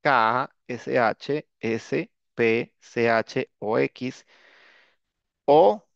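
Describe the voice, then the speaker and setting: Speaking very slowly with vocal fry at a medium pitch, a man teaches English grammar in a laid-back classroom way. He habitually adds "¿no?" as a question tag and says "este" as filler, captured in a dull, dry, lo-fi recording with no echo.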